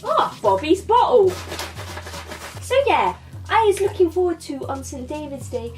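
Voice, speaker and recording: Her high voice swings widely in pitch at a measured pace as soft music plays underneath. The young woman, a comedy vlogger, performs a comic monologue with slangy tough-kid swagger and sing-song chants, captured on a distant mic by a camera a few metres away in a small bedroom.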